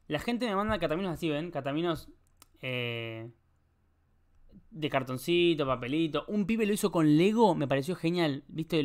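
Young male streamer, Rioplatense accent, loose and jokey, a touch high-pitched. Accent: Rioplatense Spanish. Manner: rambling, joking, swears a lot, talks to chat. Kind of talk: casual live-stream chat while solving a puzzle.

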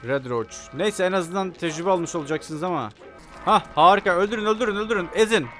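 A young man playing a video game, commenting excitedly and joking as he talks to the characters on screen. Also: high-pitched, fairly quick, soft background music. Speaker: gaming YouTuber. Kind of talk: let's play commentary.

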